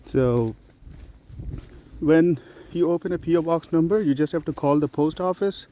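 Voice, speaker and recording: A man's voice: fairly high pitch, moderate pace, mellow. A man walking outdoors through a neighborhood, giving practical tips in a chatty, explanatory vlog style. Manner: conversational, explanatory, with fillers. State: out of breath on an incline. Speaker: vlogger giving newcomer tips. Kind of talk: casual vlog talk while walking.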